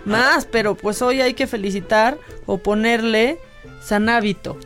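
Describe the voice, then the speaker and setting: Mexican woman co-host, teasing banter, a bit high-pitched, faint music behind. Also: a little slow, fairly bright tone. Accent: Mexican Spanish. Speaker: radio show co-host. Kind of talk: casual chat.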